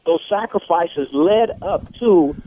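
Radio call-in caller, male, high voice with lively swings, tinny phone line. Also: slow pace. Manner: insistent, repeats himself, quotes scripture. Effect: phone-line call-in voice on a radio show. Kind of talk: call-in debate.

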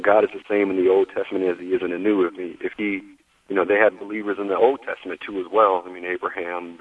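A man's voice: deep voice, husky. A man calling in to a radio show over the phone, rambling and repeating himself with many fillers. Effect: phone-line caller on a radio show. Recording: tinny distant phone line.

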